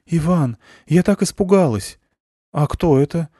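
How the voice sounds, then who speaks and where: Give me a man playing a frightened wife, higher voice, anxious and questioning, in a storybook reading. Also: animated, measured pace, dark tone, no room sound, studio quality.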